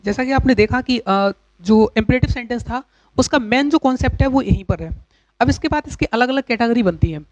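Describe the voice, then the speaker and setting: A man teaching English grammar in a lecture, explaining patiently with pauses and repeated examples. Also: extremely high pitch, darkish tone, no echo. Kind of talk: classroom lecture. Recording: dull, dry lo-fi recording.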